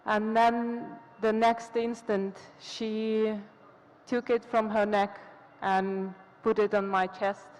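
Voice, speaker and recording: A woman's voice: mid-range voice, flat delivery, slow pace, darkish tone. A woman from Kazakhstan telling a personal story on a conference panel, reflective and hesitant. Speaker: panel speaker. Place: conference hall stage. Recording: long reverb of a large hall.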